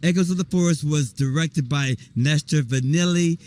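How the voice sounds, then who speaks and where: A man, an actor, chatting excitedly and rambling in a casual outdoor interview at a volunteer event. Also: fairly high pitch, moderate pace. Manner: excited, rambling, spells things out. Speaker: actor guest.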